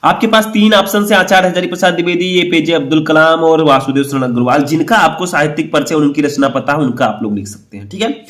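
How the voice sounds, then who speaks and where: A man's voice: a little high, quick pace, a bit bright, roomy sound. A man teacher walking students through an exam paper, explaining step by step and checking that they have understood. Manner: explanatory, repeats "ठीक है" and asks "समझ में आया?".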